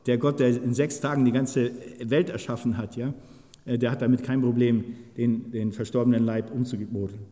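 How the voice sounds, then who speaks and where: German preacher in a reverberant church. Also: male voice, medium pitch, fairly even intonation, moderate pace. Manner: emphatic, rising to loud proclamation when reading scripture; conversational asides with frequent "ja?". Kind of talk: sermon. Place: church service.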